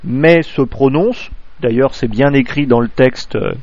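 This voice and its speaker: A man from France giving a spoken amateur radio lesson, halting, full of fillers and restarts, close to a clipping desk microphone. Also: mid-range voice, a little mellow, no echo, dull audio.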